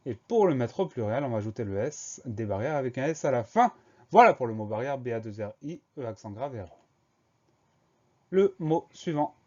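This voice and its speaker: A man's voice: medium pitch, sing-song, moderate pace, mellow. A man teaching a dictation lesson, patiently spelling out each word letter by letter. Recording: muffled, lo-fi recording.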